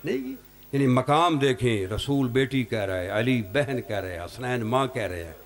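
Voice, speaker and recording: A man delivering an emotional mourning sermon as a cleric, with rhetorical tags and sudden leaps in pitch and loudness. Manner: impassioned, swinging sharply in pitch and loudness, rhetorical "hain?" tags. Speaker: Shia cleric leading a Muharram majlis.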